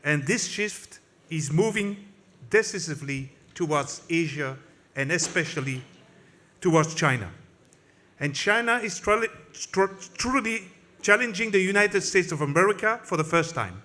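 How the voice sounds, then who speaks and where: This conference speaker, a native French speaker, has a high, expressive voice that sounds pushed and bright, moving at a moderate pace. He gives a fervent political address in English, French-accented and full of slips and restarts.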